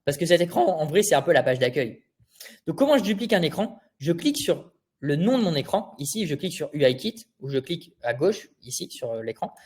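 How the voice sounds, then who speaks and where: Young male instructor, slightly high voice, chatty live-tutorial delivery full of rhetorical questions. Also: very animated, brisk, breathy edge. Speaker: design instructor. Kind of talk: live screen-share tutorial.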